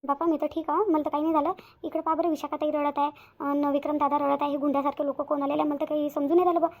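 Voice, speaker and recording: A woman's voice: sits high, level tone, very fast, darkish tone. A woman voicing an anxious, fussy young wife, talking urgently. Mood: worried. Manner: fretful, urgent.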